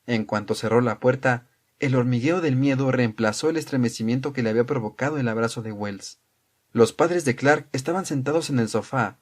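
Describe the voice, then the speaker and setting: A man narrating an audiobook in a calm, measured reading style. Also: medium pitch.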